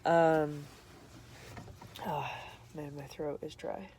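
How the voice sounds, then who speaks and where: A woman's voice: low voice, little pitch movement, drawn-out words, noisy background. A young woman vlogger telling a candid, self-deprecating story to camera, laughing often.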